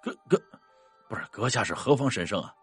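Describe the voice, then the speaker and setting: A man's voice: fairly low pitch, expressive, a little fast, breathy edge, no echo, faint music behind. A man voicing a frightened old squire and painter who stammers and trembles as he speaks. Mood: terrified.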